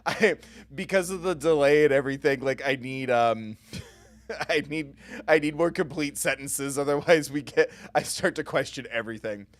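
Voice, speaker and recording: A man with a slightly high voice, speaking at a moderate pace, livestreams himself playing a visual novel and reading it aloud. His commentary is casual, jokey and self-deprecating.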